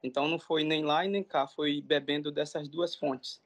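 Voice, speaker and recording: A man's voice: on the high side, steady tone, normal speed. A man in a meeting giving friendly, hesitant comments and telling an anecdote. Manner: friendly, hesitant, many fillers. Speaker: meeting participant.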